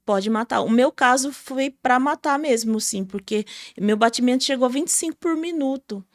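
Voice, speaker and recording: Speaking at normal speed in a high voice, a Brazilian woman who sings gospel tells her testimony emotionally on a podcast, often using fillers such as "sabe?". The recording is dry and clean, studio-grade.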